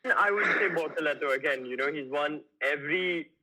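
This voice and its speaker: A young racing driver from Mumbai, jokey and playful on a podcast video call. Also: male voice, fairly high pitch, a little fast, noisy background. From Mumbai, India.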